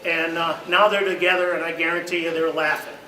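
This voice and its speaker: Eulogizing at a memorial, a man tells stories laden with fillers, his volume rising in the boat tales. His voice is a little high with little pitch movement, and his pace is a little fast. It was captured from a distance in a roomy hall with slight background noise.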